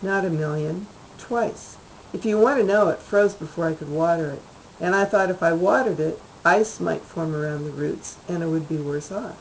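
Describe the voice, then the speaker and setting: A woman reading the lines of an irritated, defensive husband in a short story, in a flat, matter-of-fact way. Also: fairly low pitch, normal speed, slight background noise, natural voice, low-quality recording. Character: irritated middle-aged husband, defensive and wry.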